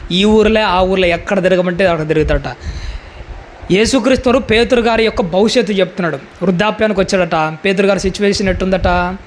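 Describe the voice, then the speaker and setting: A man with a high voice preaches a sermon, driving his points home with one rhetorical question after another. His delivery is emphatic, and a faint hiss of noise sits under the recording. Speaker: pastor.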